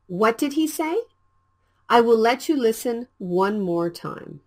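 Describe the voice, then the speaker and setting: A woman presenting an English lesson, explaining lines slowly and clearly with lively intonation. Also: fairly high pitch. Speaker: English teacher. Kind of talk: scripted language lesson.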